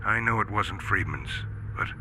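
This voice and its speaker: A man as a low-voiced, kindly space captain. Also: expressive, normal speed, noisy background, natural voice. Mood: wistful, hopeful. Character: kindly, hopeful male space rocket captain. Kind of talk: retro radio space-adventure acting. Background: music.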